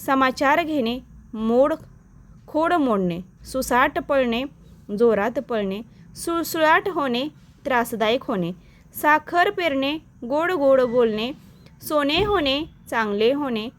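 Slow high-voiced woman teacher reciting. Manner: slow, even recitation of phrase and meaning pairs. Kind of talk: reading a vocabulary list for exam prep.

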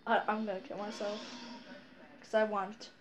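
A woman's voice: mid-range voice, flat delivery, normal speed, highs cut off, over loud music. A woman chatting casually while playing a video game with a child, playful and teasing, often breaking into shrieks and laughter. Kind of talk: casual gameplay chat.

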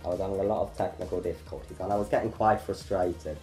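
The speaker is a young male filmmaker hosting his channel, talking quickly in a low, dark-toned voice. His behind-the-scenes chat about his film is casual and self-deprecating, recorded with a roomy echo and faint music in the background.

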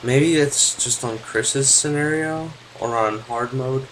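A man's voice: medium pitch, takes it slowly, fairly bright tone, slight background noise, rough recording. A young man giving casual gameplay commentary, sarcastic and joking, with the odd swear word. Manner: sarcastic, swearing, jokey asides. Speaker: let's play gamer.

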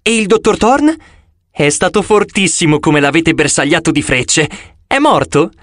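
A man voicing an excitable, chattering young boy in an audiobook. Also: a little high, unhurried, dry recording, studio quality. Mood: eager.

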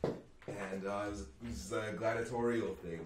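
A man who runs tabletop games, recalling one in a relaxed, chuckling way. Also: fairly low pitch, moderate pace. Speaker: game master. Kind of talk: casual storytelling. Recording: roomy mic from a distance, faint noise.

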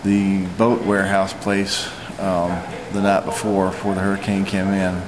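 A man in his forties giving an unscripted, matter-of-fact eyewitness vlog report, speaking haltingly. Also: sits low, monotone, a loud crowd, rough recording. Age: 40s. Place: hotel lobby, indoors.

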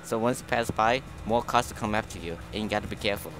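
A man giving unhurried, relaxed game commentary in a low voice, halting often and repeating words as he explains. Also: music in the background. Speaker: gaming video host. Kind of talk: recorded gameplay commentary.

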